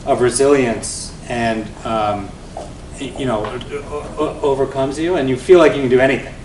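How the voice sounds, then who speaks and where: Guy in his 40s, investor telling his startup story onstage, chatty and upbeat, kinda far from the mic, echoey room. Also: moderate pace. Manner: energetic and conversational, tags points with "right?". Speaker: venture investor and guest speaker. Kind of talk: telling his founder story to an event audience. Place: event venue before an audience. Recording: roomy, distant mic with faint rumble.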